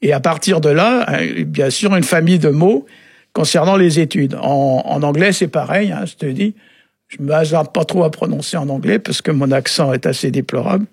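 Male radio language expert, husky and halting, very dry sound. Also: a little high, a little mellow, no room sound. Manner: halting, often adds "hein" and "euh". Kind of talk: relaxed explanatory radio chat.

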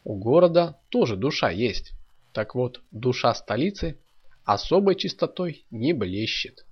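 A man voicing a proud old bearded man, husky. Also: medium pitch, sing-song, a little slow. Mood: reflective. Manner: emphatic, indignant. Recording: dull lo-fi audio.

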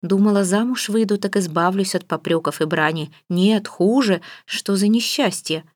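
A woman's voice: mid-range voice, moderate pace, dry recording, studio quality, natural voice. A woman reading an audiobook, voicing a capricious young bride who is sulky, tearful and sarcastic. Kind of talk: audiobook character voice.

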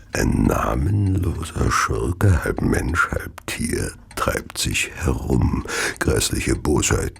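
Gravelly, very deep Jack the Ripper. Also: male voice, exaggerated voice. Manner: slow, savouring, theatrical, self-satisfied. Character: gloating, arsenic-addicted Victorian serial killer, wealthy gentleman. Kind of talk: German radio play monologue and narration.

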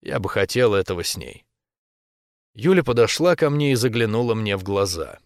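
Man reading a romance audiobook in first person, low voice, steady and intimate, dry close sound. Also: moderate pace, no echo. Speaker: audiobook narrator.

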